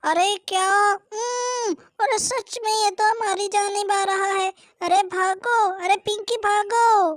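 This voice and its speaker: A woman doing shrill young village girls. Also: fairly even intonation, slow pace, few pauses, no room sound, clean studio sound. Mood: panicked. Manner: exclaims often, shrill.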